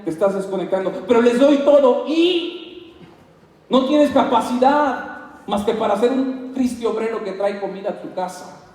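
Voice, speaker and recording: High-voiced Mexican pastor in an echoey hall. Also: male voice. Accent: Mexican Spanish. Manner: animated, acts out dialogues in put-on voices. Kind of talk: sermon. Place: church hall. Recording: echoey hall, mic at a distance.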